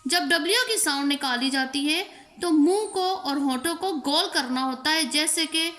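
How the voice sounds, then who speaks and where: A woman teaching English pronunciation, saying example words one by one and repeating them slowly. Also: sits high, fairly bright tone, faint music behind. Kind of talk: slow spoken lesson. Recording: echoey room.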